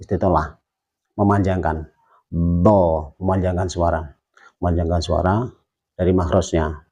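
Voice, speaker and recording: A man with an Indonesian accent, teaching Quran pronunciation patiently and repeating drawn-out syllables to demonstrate. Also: low-pitched, steady tone, a little mellow, slightly rough. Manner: patient, explanatory, uses many fillers. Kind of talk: tajwid pronunciation lesson.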